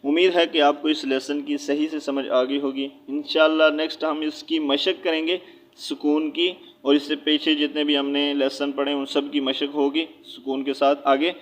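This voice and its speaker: A man teaching Quran reading, chanting letter drills and adding quick explanations in a Pakistani Urdu accent. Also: a little high, little pitch movement. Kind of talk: recited alphabet lesson.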